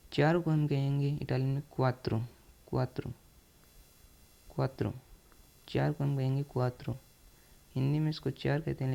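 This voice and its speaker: A man's voice: medium pitch, vocal fry, warm tone. A man teaching a beginner language lesson, who repeats each word several times and spells out its letters. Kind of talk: slow, repetitive counting lesson.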